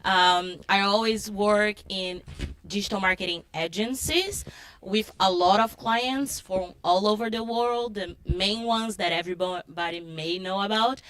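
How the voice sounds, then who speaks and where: A woman from Brazil who works in digital marketing, relaxed and chatty as she talks about her career. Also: medium pitch, unhurried, clean tone.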